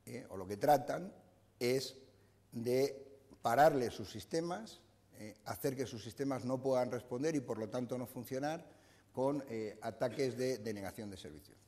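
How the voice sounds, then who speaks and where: An older man lectures to a room, talking in a mellow, dark voice and filling his pauses with "eh". His speech rings with the long reverb of a lecture hall. He is recorded on a lapel mic. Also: medium pitch. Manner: explanatory, frequent "eh" fillers and restarts. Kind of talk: conference talk.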